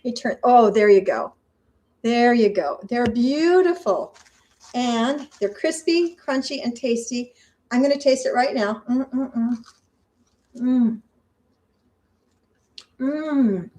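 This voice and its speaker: A woman's voice: fairly high pitch, expressive, measured pace, darkish tone, rough recording. An older woman cooking in her home kitchen, chatting in a homey, talkative way as she works. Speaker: vlogger. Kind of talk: casual cooking vlog.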